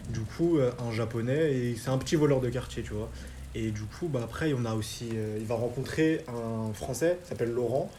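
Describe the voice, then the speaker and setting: A man's voice: medium pitch, fairly quick, a little hiss or hum. A young man hosting a casual chat about anime, talking loosely in slang with lots of fillers. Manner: relaxed slangy talk with many fillers. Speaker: host.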